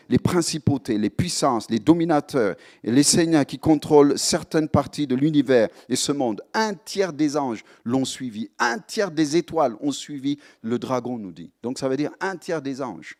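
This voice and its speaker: A middle-aged male pastor from Ethiopia preaching a sermon, animated and emphatic, repeating phrases for force. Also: fairly high pitch, moderate pace, few pauses.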